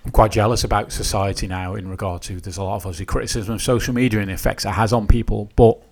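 A quick-talking man with an Isle of Man accent and a low, creaky voice. He hosts a podcast in a casual, rambling, conversational way. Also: fairly even intonation, a little mellow. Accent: Manx. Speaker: podcast host. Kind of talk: casual interview chat.

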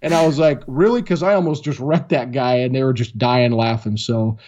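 A man's voice: brisk, highs cut off. A man, a former Marine guest, telling a story casually and acting out the quoted voices. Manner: animated storyteller, acts out quotes with raised pitch.

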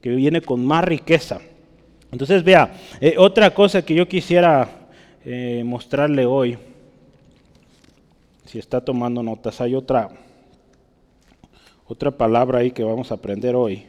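A man's voice: mid-range voice, measured pace, pauses often, a little mellow. A man teaching a Bible lesson as a preacher, often checking with his listeners as he explains. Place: church. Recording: church hall with long reverb.

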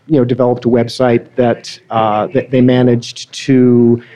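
A man's voice: medium pitch, level tone, unhurried, dark tone. A man answering interview questions as a guest, friendly and explanatory, often restarting his sentences. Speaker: guest, marketing director.

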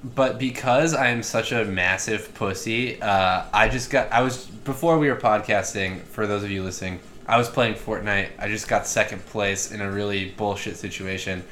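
A man's voice: fairly low pitch, moderate pace, few pauses, a bit bright. A young man co-hosting a podcast, rambling with crude, self-deprecating jokes and lots of fillers. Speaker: podcast co-host. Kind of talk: casual podcast banter.

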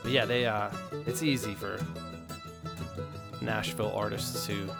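A man's voice: on the low side, fairly even intonation, a little slow, vocal fry, over music. A man hosting a casual podcast, talking reflectively and rambling with restarts, with a song playing faintly underneath. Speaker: podcast host. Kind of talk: casual solo podcast talk. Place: home studio in Nashville. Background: faint song playing under the talk.

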